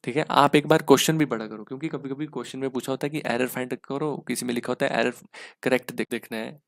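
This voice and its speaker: A man teaches exam-prep English grammar, walking through each answer step by step. His voice has a gravelly edge, and he keeps asking his students whether they follow. The sound is close and dry, with no room around it. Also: medium pitch, fairly even intonation, fast talker, dry recording.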